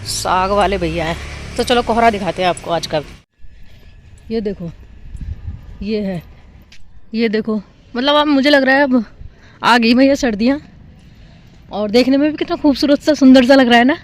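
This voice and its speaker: A woman's voice: a little high, normal speed, long pauses. A middle-aged woman chatting casually to her viewers as she films her garden and her day outdoors on a handheld phone. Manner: chatty, talks straight to viewers and laughs loudly. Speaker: vlogger filming her family day. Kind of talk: casual vlog narration to camera. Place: outdoors in a home garden, later a park.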